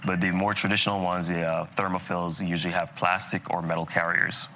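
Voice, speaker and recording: A man with a very low, bright and forceful voice, from Barbados, lecturing dentists live in a relaxed, conversational way full of fillers and asides. Faint noise sits under the recording. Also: a little fast. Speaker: dental lecturer. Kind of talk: live continuing-education lecture.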